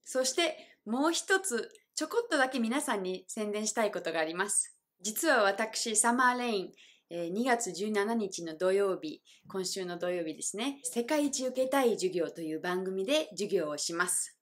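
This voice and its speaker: Young native-English woman, cheerful teacher voice, models phrases slowly and clearly. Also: mid-range voice, expressive. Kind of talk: friendly video lesson with demonstrations.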